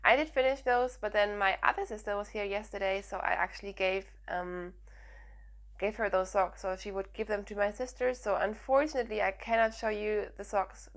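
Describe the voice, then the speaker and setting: A young woman from Germany hosting a knitting podcast, talking casually and energetically with lots of "um"s, her voice croaky from hay fever and sniffles. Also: mid-range voice. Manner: chatty and energetic, frequent "um"s. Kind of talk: casual chat to camera.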